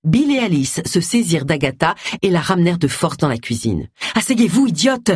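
An audiobook reader giving expressive scripted narration close to the mic. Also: medium pitch, brisk, slightly rough, no echo. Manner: expressive storytelling.

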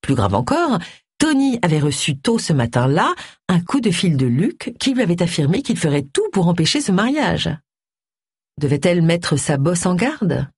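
An audiobook narrator giving an expressive reading of a novel on a close studio mic. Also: mid-range voice, normal speed, breathy edge, dry recording.

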